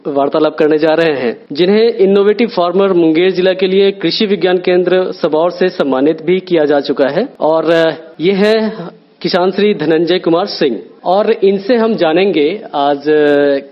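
A man's voice: sits high, moderate pace. A man working as a community radio reporter, interviewing a guest and hesitating often with fillers. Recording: muffled lo-fi audio.

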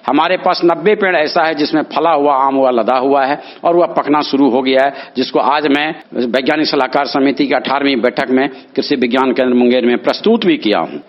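A middle-aged farmer, earnestly answering interview questions and formally appealing to fellow farmers. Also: male voice, medium pitch. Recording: muffled lo-fi audio.

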